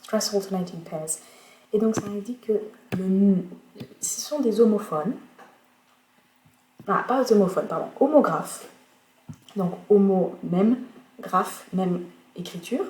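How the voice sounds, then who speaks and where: A woman teaching English pronunciation in a recorded video lecture, speaking slowly with many fillers and self-corrections. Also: medium pitch. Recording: echoey room, faint noise.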